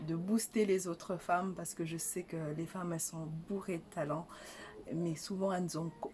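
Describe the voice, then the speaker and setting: A woman's voice: lowish voice, dark tone, slight background noise. An older woman from Rwanda, an author answering interview questions in a hesitant way, full of fillers and restarts. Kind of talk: casual interview.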